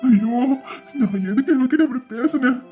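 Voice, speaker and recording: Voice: mid-range voice, normal speed, dark tone, highs cut off, faint music behind, close to an everyday voice. A performer voicing a young man who is crying, pleading and blaming himself, in an audio drama. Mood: remorseful sobbing. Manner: sobbing, pleading, self-reproaching. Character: young man grieving and begging forgiveness. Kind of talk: Tamil audio drama acting.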